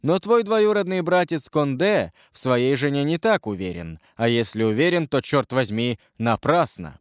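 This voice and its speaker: A man's voice: mid-range voice, moderate pace, smooth, dry recording, studio quality, lightly acted. A man playing a mocking young king. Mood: teasing. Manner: teasing, imperious, lively.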